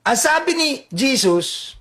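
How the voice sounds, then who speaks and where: High-pitched joking male storyteller. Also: slow pace. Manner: animated, joking asides, laughs mid-sentence; swings between loud bursts and low mutters. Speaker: satirical vlogger. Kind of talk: comedic Bible-story retelling.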